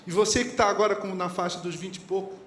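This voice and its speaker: Fast and high-pitched, with a steady, slightly bright tone, this pastor speaks with a Brazilian Portuguese accent. He preaches in a conversational manner, quoting lyrics and sayings and questioning his congregation; the church hall echoes, with faint ambience and slight background noise.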